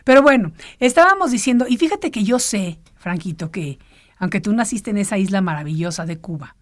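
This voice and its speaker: A woman's voice: mid-range voice, lively intonation, a little fast. Woman host, affirming interviewer. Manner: affirming, frequent short agreements.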